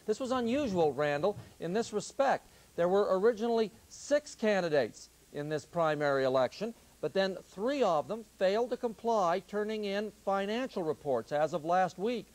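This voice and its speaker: A man giving political commentary on a news broadcast, brisk and explanatory. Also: high-pitched, expressive, darkish tone. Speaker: political analyst.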